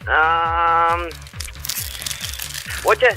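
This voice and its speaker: A man mimicking an absent colleague, answering with bright, questioning replies. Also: fairly high pitch, drawn-out words, over music, pitched above the performer's own voice. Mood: chirpy.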